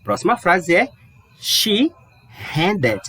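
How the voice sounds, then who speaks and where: Male language teacher, husky voice, very lively intonation, casual and explanatory. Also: sits high, no room sound. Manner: lively, chatty, stretches English words slowly to model pronunciation. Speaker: English teacher. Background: dog barking outside.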